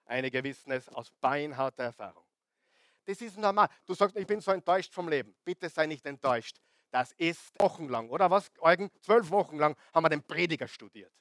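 High-voiced, animated preaching man. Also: no echo. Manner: animated, asks the crowd questions, swings loud and soft. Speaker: pastor. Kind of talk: lively sermon to a congregation.

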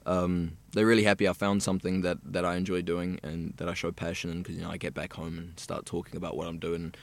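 This casual interview chat features a young South African radio student who talks freely and at length, rambling in an easygoing, chatty way. He speaks fast, with a low voice and flat delivery.

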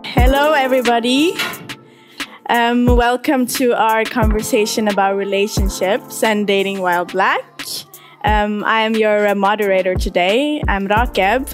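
A young woman from Ethiopia moderates a live panel talk at a public venue. She keeps an easy, relaxed tone and fills the gaps with soft murmurs of agreement. Her voice sits at a middle pitch for a woman, with light music faintly behind her. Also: a little slow. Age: 20s.

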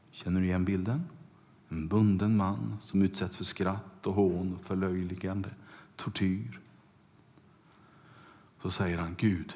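Low-voiced preacher in a reverberant hall. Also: male voice. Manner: storytelling, shifting between loud bursts and hushed asides. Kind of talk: sermon retelling a Bible story.

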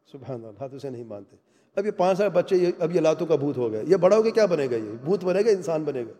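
A man's voice: a little high, warm tone. A man giving an earnest religious talk on family life, speaking emphatically and asking his listeners rhetorical questions. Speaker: Islamic lecturer. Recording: long reverb of a large hall.

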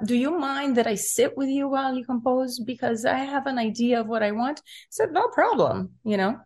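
Soft-spoken middle-aged woman, reflective. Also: medium pitch. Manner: soft-spoken, searching for words, many fillers. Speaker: recording artist interviewed. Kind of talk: reflective interview storytelling.

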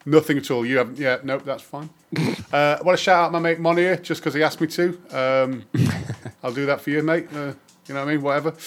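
A man hosting a podcast, chatting casually and joking, with lots of fillers. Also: mid-range voice. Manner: rambling, jokey, full of fillers. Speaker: podcast host. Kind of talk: casual chat. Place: remote call. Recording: music playing behind.

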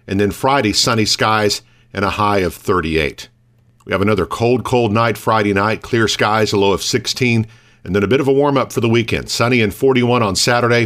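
A man's voice: fairly low pitch, a bit bright. An American man reading scripted local news as a radio morning host.

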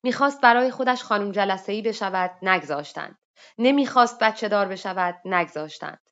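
A woman reading a literary story aloud in a steady, measured way in an online audio room. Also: medium pitch, highs cut off. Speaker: reader.

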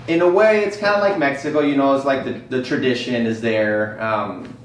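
A man's voice: medium pitch, moderate pace, recorded from a distance. Easygoing male guest off-mic in a roomy space, faint ambience. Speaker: guest, company employee. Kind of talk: casual interview chat.

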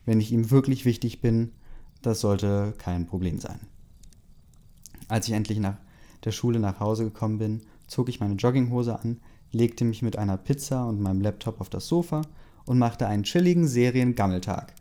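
A man casually reading a fan story aloud and chat comments, with relaxed fillers and asides. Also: on the low side, normal speed.

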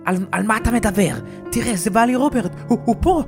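Man putting on a stammering confused old woman. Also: music in the background. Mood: confused pleading. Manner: stammering, high and strained.

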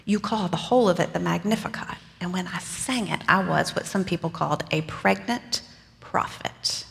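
In a church with big-room sound, a woman preaches a first-person dramatic sermon monologue as Mary, telling her story as a young mother. Her voice is on the low side, gravelly and a bit bright at a moderate pace, and her delivery is earnest and conversational with casual asides.

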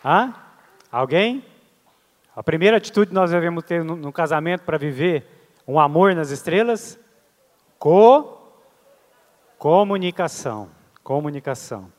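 A man's voice: on the high side, lively intonation, measured pace, long pauses. Preaching man in a reverberant hall. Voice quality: calls out to the congregation. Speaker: pastor. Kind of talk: sermon.

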